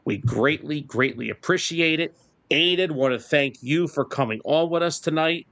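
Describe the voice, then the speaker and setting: A man's voice: a little high, moderate pace, a bit bright, dry recording. A man hosting a casual sports talk radio show, joking and rambling through his takes and sign-off.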